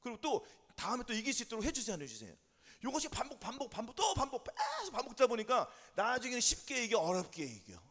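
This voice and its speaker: His pitch very high and swooping wildly, a male pastor preaches at a quick pace in a slightly bright voice, with a big-room sound. In the church sanctuary, he peppers the congregation with back-and-forth drilling questions.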